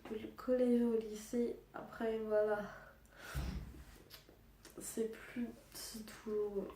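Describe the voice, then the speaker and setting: Young woman vlogger, quiet and halting, subdued and sad; dark mellow tone, slow delivery. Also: a little high, level tone, echoey room, recorded from a distance, slight background noise. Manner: quiet, hesitant, halting speech. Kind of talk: personal testimony vlog.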